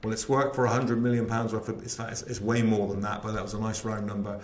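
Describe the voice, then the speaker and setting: A man's voice: on the low side, little pitch movement, quick pace, echoey room, a little hiss or hum. A middle-aged man with a West Country accent presenting a live sales-training webinar, chatty and enthusiastic, often asking the audience questions. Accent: West Country English.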